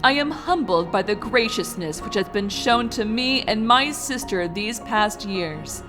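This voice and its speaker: A woman playing a gracious, serene royal pony princess with a formal, measured manner in a fan fiction audio drama. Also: medium pitch, expressive, natural voice. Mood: solemn, gracious. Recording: music behind the voice. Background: music.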